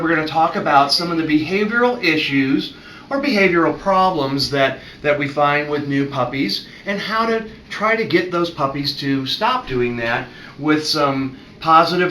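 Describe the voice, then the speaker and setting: Friendly veterinarian man, bright echoey voice. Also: a little high, moderate pace, distant mic. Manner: calm, friendly explaining, demonstrating tones of voice to a puppy. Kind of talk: instructional video talk. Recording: echoey room with faint ambient noise.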